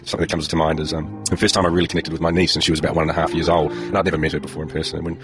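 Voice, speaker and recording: A man's voice: extremely low pitch, little pitch movement, very fast, music in the background. A man reflectively telling a personal story, slightly hesitant. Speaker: interviewee sharing a story. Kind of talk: personal anecdote.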